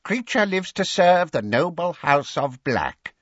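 A man voicing a hunched, spiteful old male house elf who mutters hoarsely under his breath. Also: on the high side, big pitch swings, a little slow, fairly bright tone, dry recording, dull audio, pitched above the performer's own voice, exaggerated voice. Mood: spiteful muttering.

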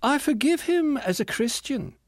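A man's voice: very high voice, expressive, a little slow, dry recording. A man reading the part of a self-righteous female ghost who complains domineeringly and primly about her late husband. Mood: indignant. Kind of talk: audiobook character reading.

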